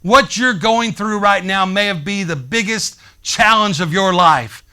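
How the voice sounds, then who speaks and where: Bright, high-voiced male pastor preaching. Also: a little slow, smooth. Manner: animated, conversational, talks straight to the congregation. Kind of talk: sermon. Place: church sanctuary.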